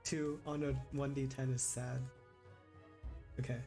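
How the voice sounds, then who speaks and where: A man narrating and ruling as game master of a tabletop game, in a relaxed, easygoing manner. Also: mid-range voice, a little slow, faint music behind.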